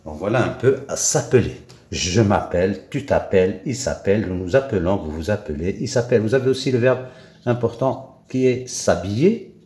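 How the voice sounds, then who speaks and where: A man with a Moroccan accent gives a classroom grammar lesson in a low, mellow voice. He drills each form slowly, repeating himself and filling pauses. His pitch rises and falls a lot, and the sound carries the echo of a reverberant room. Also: expressive. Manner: drills forms slowly with many repeats and fillers. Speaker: French teacher. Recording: echoey room.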